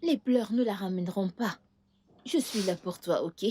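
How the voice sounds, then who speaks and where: A woman dubbing a stern, sharp-tongued aunt into French for a Nigerian film. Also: medium pitch, normal speed, a little hiss or hum, natural voice. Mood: coaxing. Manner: scolding and impatient. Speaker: aunt of a young girl.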